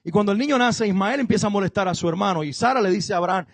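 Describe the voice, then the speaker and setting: High-pitched guy preaching, tells stories earnestly and talks right to the church, dry sound. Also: very fast, no echo. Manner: earnest storytelling preaching, addressing the congregation directly. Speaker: pastor. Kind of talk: sermon.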